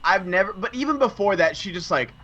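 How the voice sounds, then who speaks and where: A young man with a bright, forceful voice chats about films on a podcast, wondering aloud and acting out lines. His sound is dull and lo-fi. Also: high voice, lively intonation, fairly quick, slight background noise. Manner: chatty, wondering aloud, acts out quotes. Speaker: podcast co-host. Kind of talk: casual movie chat.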